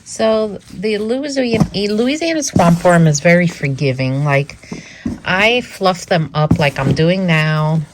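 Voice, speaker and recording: Out by her worm bins, this woman runs her worm farming channel in a casual vlog, chatty and enthusiastic despite having the hiccups, with plenty of fillers and repetition. Her voice is on the low side and animated, she talks slowly, and there's a slight hiss or hum.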